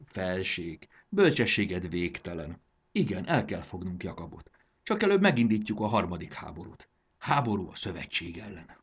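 A man's voice: low-pitched, sing-song, slightly rough, heavily acted. A man reading a storybook aloud and voicing a cool, calculating male chief servant who speaks politely and measuredly.

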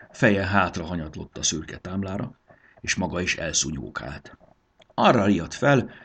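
Guy reading a kids story, deep and gravelly, really lively up and down. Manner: expressive, sing-song storytelling. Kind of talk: scripted storybook narration.

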